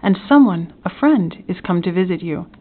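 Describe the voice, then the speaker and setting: A woman voicing a benevolent, grave male magistrate with formal, measured speech in a storybook reading. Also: mid-range voice, lively intonation, phone-quality sound, close to an everyday voice. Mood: gentle.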